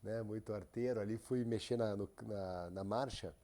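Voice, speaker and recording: A man from who runs a company, speaking as a podcast guest in a relaxed, halting way with many restarts. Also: fairly low pitch. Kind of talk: casual interview.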